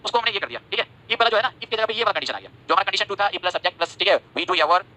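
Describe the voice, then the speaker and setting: A high, bright male voice that rushes through a live online grammar class. He repeats himself constantly and keeps asking whether the viewers follow him. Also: expressive, poor audio. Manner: repeats phrases, asks "samajh rahe ho" often; drops to a low, soft voice when apologizing. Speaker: online English grammar teacher. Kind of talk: live-streamed class, reading chat comments.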